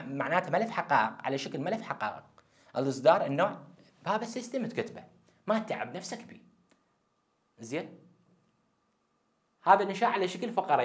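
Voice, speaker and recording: A man with an Iraqi Arabic accent, teaching an exam-prep lecture who talks straight to his students and repeats the key steps. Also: fairly high pitch. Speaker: English teacher.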